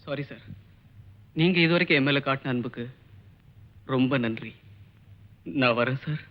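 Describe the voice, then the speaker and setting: A man's voice: medium pitch, normal speed, faint music behind, close to an everyday voice. An actor playing a wronged young male lecturer who pleads his innocence earnestly and solemnly repeats his points. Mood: pleading. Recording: dull old film soundtrack.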